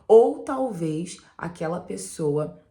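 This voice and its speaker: A woman giving animated relationship advice straight to her viewers in a casual vlog. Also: fairly low pitch, slow. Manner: animated, talks straight to viewers with frequent "né?" and "gente". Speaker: relationship mentor, channel host.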